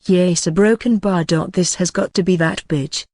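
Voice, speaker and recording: A frightened male fighter tries to reason his way out of an illusion, read by a synthetic narrator. The lines come out even and flat. The recording is dry and close. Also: mid-range voice, normal speed, no echo, natural voice. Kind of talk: text-to-speech audiobook reading.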